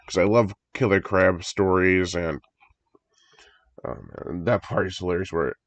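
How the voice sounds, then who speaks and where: Still stuffy from a recent cold, this man speaks in a low pitch at a slightly slow pace, rambling enthusiastically and chuckling a lot while reacting to a horror film trailer. There's no echo; the sound is a dry, dull lo-fi home recording.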